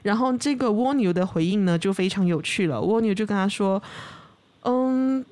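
A woman podcast host with a Malaysian Mandarin accent, retelling a folk tale in a lively, chatty way. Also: medium pitch, fairly quick. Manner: lively, animated retelling with frequent fillers. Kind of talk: conversational storytelling.

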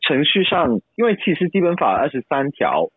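A man with a Cantonese accent in his Mandarin, giving explanatory interview answers as an expert guest in a measured, hedging way. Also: on the high side, big pitch swings, slightly rough, no room sound, phone-quality sound.

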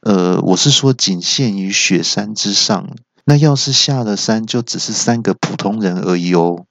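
A man voicing a frail-looking young woman who is a secret kung fu master, speaking calmly and composed. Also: fairly low pitch, moderate pace, gravelly, lo-fi sound, slight background noise.

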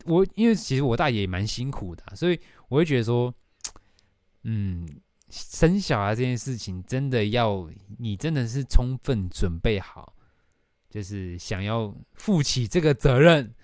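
A man's voice: mid-range voice, animated, normal speed, a little mellow, no echo, clean studio sound. A young man with a Taiwanese Mandarin accent, hosting a casual podcast and telling a rambling story with casual swearing. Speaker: podcast host.

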